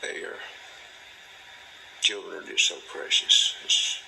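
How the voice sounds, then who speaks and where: Low-voiced man with a bright, forceful edge. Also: fairly even intonation, gravelly, slight background noise, poor audio. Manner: drawling, folksy, mimics a delighted parent in a high voice; slow, deliberate delivery. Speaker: host. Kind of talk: monologue to camera.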